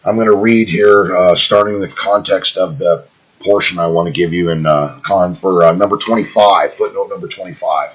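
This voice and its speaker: A man reading an old book aloud in a measured, deliberate way, stopping now and then for loose, chatty asides to his listeners. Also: sits low, steady tone, muffled recording. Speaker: audiobook reader.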